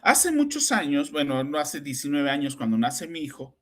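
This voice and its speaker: His voice a little high and sing-song, somewhat bright, at a moderate pace, a middle-aged man from Mexico who is a psychoanalyst shares anecdotes on his podcast. He keeps it chatty with a Mexican Spanish accent, frequently closing lines with tag questions.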